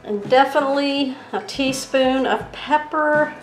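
In her home kitchen, a cooking channel host with a high, unhurried voice walks through a demonstration step by step, savoring each taste of the food. The camera is framed on her hands and the countertop, and the roomy kitchen carries faint music.

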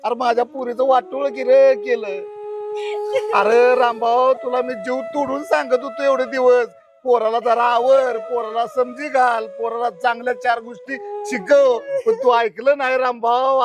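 A man acting as a village father from a short drama, his voice sitting very high for a man. He talks emphatically, pleading and scolding by turns, and stands up fiercely for his daughter. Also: little pitch movement, normal speed. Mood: anguished accusing. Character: distraught rural father defending his daughter.

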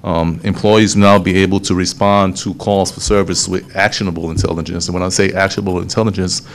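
A man, a police official explaining a program to a town hall meeting, steady and explanatory, often restarting phrases. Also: deep voice, a little fast, a little hiss or hum. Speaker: police official presenting to city council.

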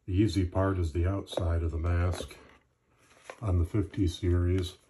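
A man giving a matter-of-fact, measured instructional narration as a presenter demonstrating gear. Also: low voice, flat delivery, noisy background.

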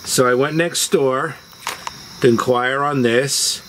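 A man hosts a video, slowly and casually telling personal stories in a medium-pitched, steady, fairly bright voice. The low-quality recording comes from a house porch at dusk, full of outdoor noise and chirping crickets and insects.

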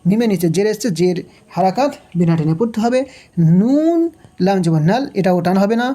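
A woman teaching tajweed, slowly spelling out letters and vowel marks, asking the learner questions and drilling each rule with patient repetition. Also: mid-range voice, expressive, dark tone. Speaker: Quran recitation teacher. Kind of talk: tajweed lesson, spelling out and reciting verses. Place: home recording, unseen.

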